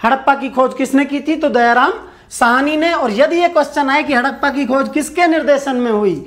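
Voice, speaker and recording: A man leads an online exam-prep lecture in a very high-pitched, slightly bright voice at a fairly quick pace. He asks and answers his own questions and repeats key points. He calls on viewers directly to leave their answers in the comments.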